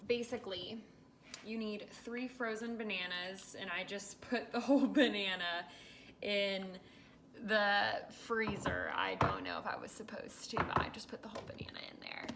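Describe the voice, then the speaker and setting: A woman's voice: mid-range voice, fairly bright tone. A woman in her twenties chatting casually to camera in a home kitchen, explaining things step by step, a little tired while recovering from dental surgery. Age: 20s. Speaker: vlogger. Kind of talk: casual vlog chat to camera. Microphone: camera or phone a short distance away. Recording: echoey kitchen, clear background noise.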